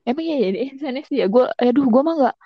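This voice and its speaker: A young woman chats eagerly in slang. Her voice is slightly high. The recording is dull and lo-fi, with a dry sound. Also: expressive, quick pace, no echo. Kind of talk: casual chat.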